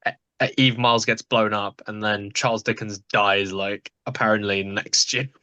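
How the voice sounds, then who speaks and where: A man hosting a podcast, chatting quickly and casually with guests and laughing easily. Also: lowish voice, fairly even intonation, bright, forceful tone, clear, resonant tone, no room sound, dull audio. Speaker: podcast host. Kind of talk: casual chat.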